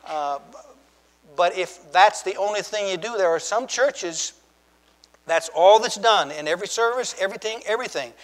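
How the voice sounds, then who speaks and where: A man's voice: high voice, normal speed, big-room sound. A man preaching as pastor, telling folksy, joking stories with frequent restarts. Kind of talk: sermon. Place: church sanctuary with long reverb.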